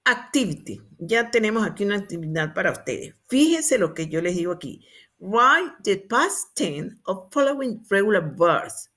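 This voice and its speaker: A woman teacher explaining English pronunciation to students, patiently repeating each word slowly. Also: medium pitch, sing-song, fairly bright tone. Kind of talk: slow explanatory English lesson in Spanish.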